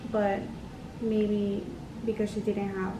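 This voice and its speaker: Young woman, college student, hesitant, flat delivery; roomy, distant recording with music behind. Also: medium pitch, takes it slowly, background noise. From Honduras. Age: young adult. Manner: hesitant, with many ums and likes. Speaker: community college student giving a testimonial. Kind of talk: unscripted testimonial. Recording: roomy, off-mic, music underneath.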